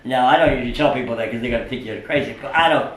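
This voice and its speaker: An older man, a psychic, telling stories in an interview, acting out what people said and filling pauses with "uh". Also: medium pitch, slight background noise. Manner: animated storyteller who acts out quoted speech, with frequent "uh" fillers. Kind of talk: interview storytelling. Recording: roomy sound from a distant mic.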